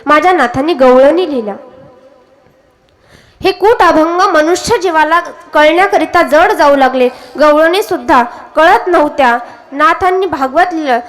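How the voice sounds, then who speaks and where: A woman's voice: sits high, normal speed. A woman with a Marathi accent preaching a devotional kirtan sermon, telling stories and putting questions to the audience. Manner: storytelling, questions the audience directly.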